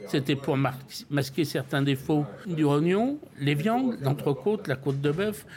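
A man's voice: fairly high pitch, measured pace, a crowd in the background. An older man from France, a restaurant owner, telling stories in an interview with many restarts and repeated words. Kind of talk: interview, casual storytelling.

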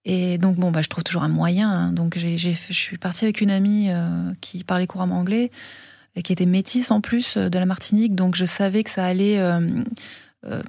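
Hesitant Frenchwoman with a gravelly voice. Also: fairly low pitch, fairly even intonation, a little fast, a little mellow, no echo, clean studio sound. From France. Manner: hesitant, many fillers and restarts. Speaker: guest filmmaker. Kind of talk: interview conversation.

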